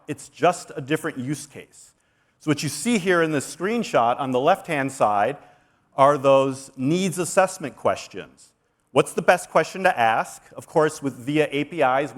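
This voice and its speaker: A man presenting a keynote talk at a conference, energetic and persuasive as he walks through slides. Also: a little high. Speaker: conference speaker.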